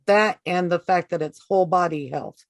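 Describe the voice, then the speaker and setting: A woman hosting an interview, speaking in a gentle, affirming way. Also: lowish voice, normal speed. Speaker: podcast host.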